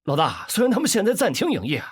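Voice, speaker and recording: An actor playing an eager male henchman who flatters his boss. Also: high voice, quick pace, husky, full character voice. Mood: flattering. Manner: sycophantic, eager.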